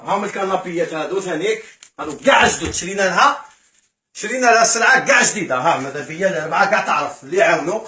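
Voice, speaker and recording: Algerian man, quick and eager, high bright voice, on-camera commentary, echoey room with faint background noise. His delivery is excited as he thanks donors, filmed on a handheld phone. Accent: Algerian Arabic. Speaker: vlogger filming a charity visit. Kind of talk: casual to-camera talk.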